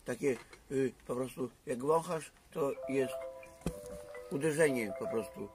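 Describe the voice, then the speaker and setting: A man's voice: medium pitch, measured pace, over music. A man in casual street talk, coarse and defensive, swearing often.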